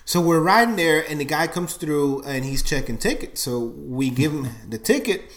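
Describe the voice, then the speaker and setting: A man's voice: fairly high pitch, expressive, normal speed, a bit bright. Casual man correcting details, echoey room. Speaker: podcast co-host. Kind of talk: casual chat. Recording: roomy echo.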